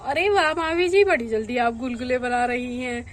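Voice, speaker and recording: A woman's voice: sits high, expressive, normal speed. A woman voicing a polite, agreeable young village woman in a doll storybook.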